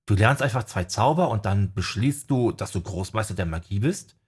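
A man voicing a sharp-tongued, critical young female necromancer in an audiobook. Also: lowish voice, animated, breathy edge. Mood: incredulous. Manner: critical, quick to correct. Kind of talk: audiobook character voice.

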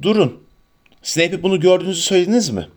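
A man's voice: high-pitched, lively intonation, very fast, pitched above the performer's own voice. Man voicing teenage boy hero, determined, urgent, direct, storybook reading.

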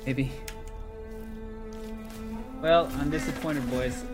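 A man's voice: a little high, fairly even intonation, drawn-out words, over music. A man chatting with friends over a game, talkative and easily amused, trailing into restarts. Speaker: gamer and video maker. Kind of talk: casual gaming voice chat.

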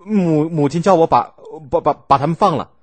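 A man's voice: a little high, a little fast, no echo, pitched above the performer's own voice, natural voice. A man voicing a nervous young king who stammers as he answers. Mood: flustered. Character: young male ruler, timid and stammering.

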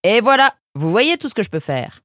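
A woman's voice: on the low side, moderate pace, no room sound, close to an everyday voice. A woman plays a keen young male creature from a storybook, full of schemes and stumbling over filler sounds. He sounds dry and close to the mic. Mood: eager stammering. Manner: stammering with many "euh", excitable.

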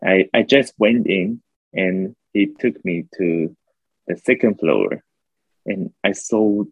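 A man from Taiwan who speaks slowly and hesitantly, pausing to search for words and laughing now and then. His voice is low and comes through a slightly dull, lo-fi signal. The sound is dry and close. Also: vocal fry, husky, no echo. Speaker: podcast guest. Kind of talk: casual podcast chat.

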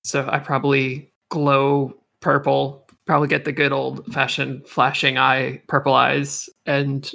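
A woman's voice: extremely low pitch, monotone, measured pace, gravelly, hardly any pauses, fairly bright tone. A woman chatting casually as a tabletop player, breezy, friendly and joking through her character's lines. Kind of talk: casual, playful role-play chat.

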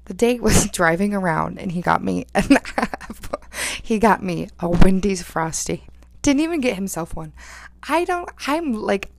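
A woman's voice: lowish voice, creaky, no room sound. A woman in her early twenties casually telling a dating story, full of "like" and laughing as she talks. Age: 20s. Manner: chatty, lots of "like", laughs while telling.

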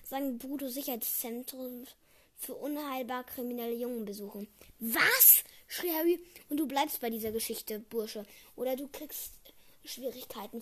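A young girl reading a novel aloud, often stumbling over words and correcting herself. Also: fairly high pitch. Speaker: reader.

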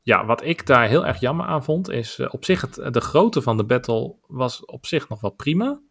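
A man with a Dutch accent co-hosting a podcast, talking in a measured, opinionated way with many filler pauses. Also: medium pitch, very animated, creaky, a bit bright. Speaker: podcast co-host. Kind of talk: casual podcast discussion.

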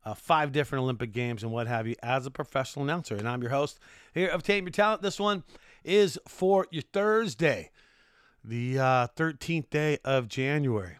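A man's voice: medium pitch, fairly quick, fairly bright tone, smooth, no echo, studio quality. A middle-aged American man hosting his own podcast, chatting in an upbeat, rambling way with lots of fillers. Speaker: podcast host and sports announcer. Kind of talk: casual solo podcast talk.

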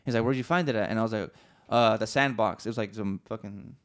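Fast-talking slangy man telling a story. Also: on the low side, fairly bright tone. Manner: rambling, slangy, swears often, many restarts. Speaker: podcast co-host. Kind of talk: casual storytelling.

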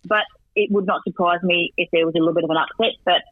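Male guest analyst, talkative, stats-heavy, high voice down a phone line. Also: fairly even intonation, quick pace, dry recording. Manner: chatty, rattles off stats with asides. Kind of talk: radio sports recap and tips by phone. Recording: tinny dry phone line.

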